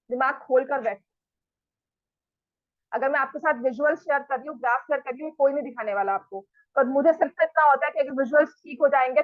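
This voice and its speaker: A woman's voice: sits high, no room sound, phone-quality sound. A woman maths teacher. She mixes Hindi and English, keeps asking the class questions and scolds the students firmly. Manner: talks straight to the students, asks them questions, scolds firmly.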